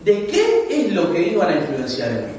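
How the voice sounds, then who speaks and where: High-voiced Uruguayan pastor in echoey hall. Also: male voice, moderate pace, a little hiss or hum. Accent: Uruguayan Spanish. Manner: animated storytelling, laughing asides. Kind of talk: sermon. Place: church hall. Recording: echoey hall, mic far off.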